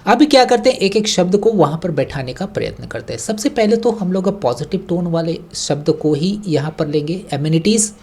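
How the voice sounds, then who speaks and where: A man teaching an exam-prep lesson, reading English sentences slowly word by word and then explaining them patiently. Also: sits high, animated, a little mellow, husky.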